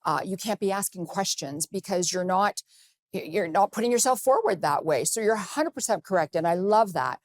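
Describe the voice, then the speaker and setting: A woman's voice: mid-range voice, animated, brisk, no echo. A woman hosting a talk show, interviewing her guest in an affirming, conversational way.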